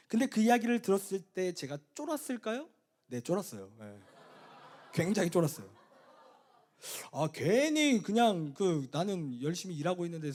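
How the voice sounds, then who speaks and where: A man pastor preaching a sermon to a youth retreat, telling comic stories in an animated way that swings from loud exclamations to low asides.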